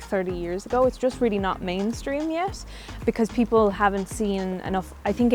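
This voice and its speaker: A woman's voice: medium pitch, darkish tone. A young woman with a west of Ireland accent, giving chatty, informal and thoughtful answers as an interview guest. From Galway, Ireland. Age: young adult.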